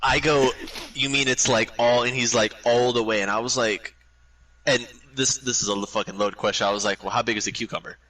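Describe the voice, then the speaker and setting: A young man spins a crude story in casual game chat, cursing freely and acting out every line he quotes. His voice is bright and forward, with a sharp edge to it. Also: medium pitch, brisk, rough recording. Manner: profane, animated storyteller who acts out the quotes. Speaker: gamer telling a story.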